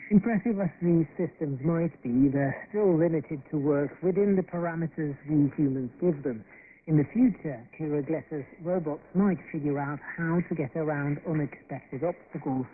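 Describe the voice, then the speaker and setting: Heard over a tinny, hissy shortwave broadcast, a man speaks at normal speed in a slightly high voice. He's a radio reporter narrating a scripted feature report.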